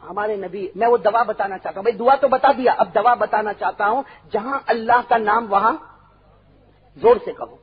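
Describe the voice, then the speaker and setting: A male preacher with a Pakistani Urdu accent giving a fiery sermon, crying out loudly and then dropping to hushed asides, calling on the crowd to answer. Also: sits high. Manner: impassioned, swings from loud cries to hushed asides, calls for crowd response. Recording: dull lo-fi recording.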